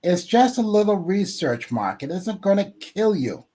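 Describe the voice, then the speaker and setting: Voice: medium pitch, very animated, moderate pace, mellow. A co-host in a casual chat who teases and scolds in a dry way.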